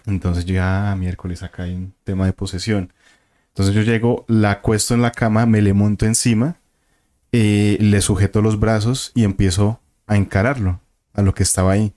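Low mellow-voiced man telling a story. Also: little pitch movement, moderate pace. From Colombia. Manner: vivid storyteller who acts out voices and sounds. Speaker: guest. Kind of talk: casual storytelling of a paranormal experience.

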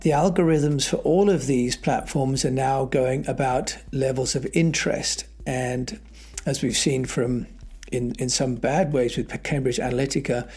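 Husky-voiced man hosting a podcast. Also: medium pitch, steady tone, a little slow, a little mellow, faint music behind. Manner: conversational, with frequent fillers and restarts. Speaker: podcast host. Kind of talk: solo podcast monologue.

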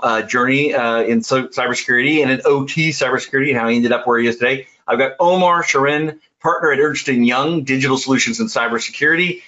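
A man's voice: mid-range voice, sharp tone. A male podcast host with a mid-range voice, leading an interview in a hesitant, conversational way full of fillers and restarts. His audio is dull and lo-fi.

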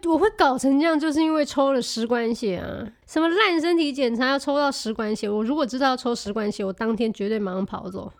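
Lady telling a funny story in casual chat, kinda high voice, lively, drops in english words. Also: fast talker, hardly any pauses. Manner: animated, laughs often, mixes in English words.

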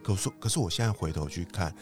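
Deep-voiced reflective co-host. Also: male voice, quick pace, music in the background. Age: middle-aged. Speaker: podcast co-host. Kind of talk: casual podcast chat.

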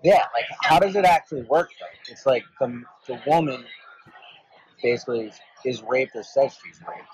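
A prisoner speaking in a disguised deep voice, pitched down, talking haltingly in a played-back clip. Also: animated, darkish tone, slightly rough, no echo, rough recording.

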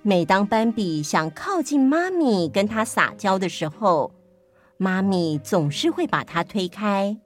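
A woman stand-in host telling a children's story in a gentle, even way. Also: medium pitch, measured pace, soft background music.

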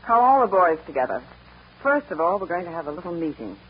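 An actress playing a brisk, earnest young Eastern woman who has taken charge of her ranch, in 1940s radio acting. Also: lowish voice, very animated. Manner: firm, decisive, earnest. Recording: dull old radio broadcast with faint hiss.

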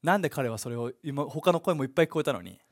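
A man preaching a sermon as pastor, pausing for an interpreter and acting out the voices in his stories. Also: fairly high pitch, animated.

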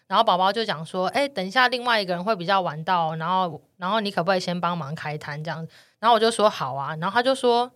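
A woman with a Taiwanese Mandarin accent telling a ghost story in casual podcast chat, animated and swearing at the scary parts. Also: on the low side, fast.

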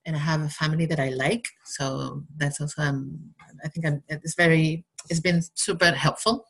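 Low-voiced woman with a Basque Spanish accent. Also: steady tone, vocal fry, fairly bright tone, breathy edge. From Basque Country, Spain. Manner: halting, rambling, tags phrases with "no?". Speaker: interview guest, entrepreneur. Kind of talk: casual conversational interview answers.

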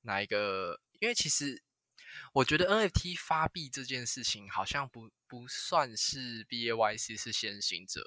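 Casting: male podcast host, Taiwanese accent, sharp bright voice, conversational, very dry sound. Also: medium pitch, expressive, moderate pace, no echo. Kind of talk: casual chat.

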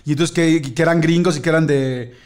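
Animated high-voiced Mexican man telling stories. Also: fairly quick. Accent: Mexican Spanish. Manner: animated, acts out family voices with shouts and laughter. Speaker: podcast host. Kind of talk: casual storytelling.

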